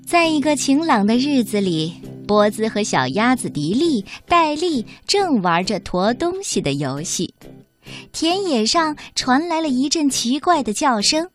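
Expressive woman reading a kids' story. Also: high voice, measured pace, faint music behind. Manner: expressive, sing-song. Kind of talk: children's storybook narration.

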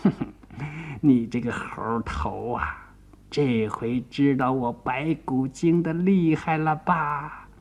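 A man's voice: mid-range voice, slow. A man voicing a cunning bone demon disguised as an old man, who wails, pleads and gloats. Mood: gloating. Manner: whining, pleading, then gloating.

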